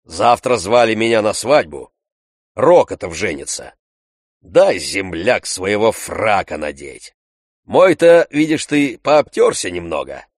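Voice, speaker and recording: A man voicing a coarse, blustering middle-aged freeloader who shouts his demands, recorded dry in an audiobook. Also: on the low side, very animated, slow pace, no room sound, full character voice. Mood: wheedling.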